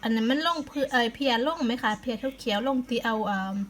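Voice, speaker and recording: A woman's voice: on the high side, fast, low-quality recording. Chatty Isan-accented woman vlogger. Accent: Isan Thai. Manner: chatty, explains plant care step by step. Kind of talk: casual home vlog tour.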